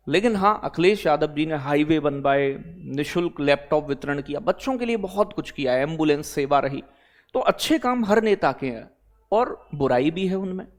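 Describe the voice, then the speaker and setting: Man, fairly high-pitched, chatty online tutor, blunt asides, keeps checking in with students. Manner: addresses students as beta and bhai, repeats "theek hai bhai?"; digresses into blunt talk, then back to teaching. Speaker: exam-prep teacher. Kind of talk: live online class, chatty lecture.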